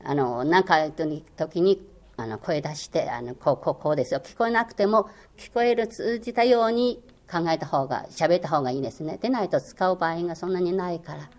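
A woman's voice: on the low side, a little fast, darkish tone. An older woman whose first language is Chinese, a former radio language lecturer, answering interview questions in an earnest, encouraging way with many hesitant fillers.

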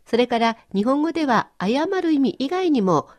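A woman leads a radio language lesson, and her pitch rises and falls freely. She explains each phrase in a friendly, clear, instructive way. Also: very animated, normal speed, a little mellow. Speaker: language teacher and host.

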